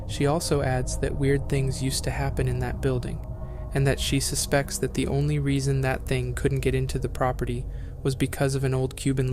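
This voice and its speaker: A man reading first-person horror stories aloud as scripted narration, in a flat, even reading. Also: medium pitch.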